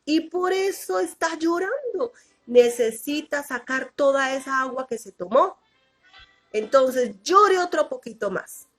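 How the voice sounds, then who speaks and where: A woman voicing a gentle old grandfather who soothes a crying child tenderly. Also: high voice, animated, measured pace, faint music behind, pitched above the performer's own voice. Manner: tender, coaxing.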